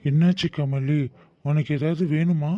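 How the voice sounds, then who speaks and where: A fairly high male voice for a doting young cartoon husband, voiced by a man. He speaks earnestly and apologetically, with a playful streak. The recording is dull, dry and lo-fi. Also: fairly even intonation, measured pace, dry recording, close to an everyday voice. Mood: remorseful. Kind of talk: cartoon drama dubbing.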